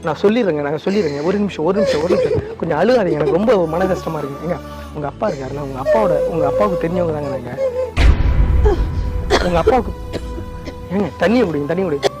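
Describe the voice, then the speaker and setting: A man with a high-pitched, expressive voice talks fast as he hosts a prank video. Over loud background music, he coaxes and apologizes again and again in a casual, pleading way, laughing nervously.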